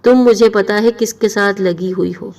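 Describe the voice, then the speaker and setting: A woman's voice: medium pitch, fairly even intonation, darkish tone, far from the mic, lightly acted. A woman voicing a harsh, scornful middle-aged aunt who scolds and accuses her niece. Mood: accusing.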